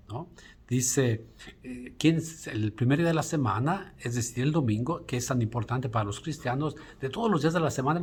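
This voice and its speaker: A male priest giving a reflective daily homily, speaking in short phrases with pauses and restarts. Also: mid-range voice, husky.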